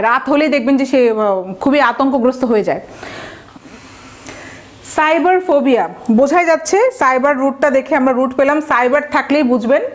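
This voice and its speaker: A woman with a Bangladeshi accent gives an exam-prep vocabulary lesson in a high voice. She explains word roots step by step and keeps checking that her listeners follow. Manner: explains patiently with frequent checking questions. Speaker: vocabulary teacher.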